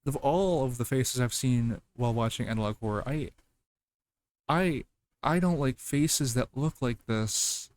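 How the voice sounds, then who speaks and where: Reading aloud and reacting casually, a male reaction video host trips over words and backs up to repeat them. He has a mid-range, slightly mellow voice, recorded with no room sound.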